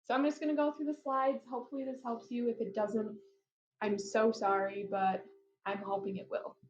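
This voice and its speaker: A woman teacher talking casually through lecture slides, with chatty, apologetic asides and a somewhat flat, robotic-sounding delivery. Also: fairly high pitch, fairly quick. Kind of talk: recorded lecture over slides. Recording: roomy, dull lo-fi mic.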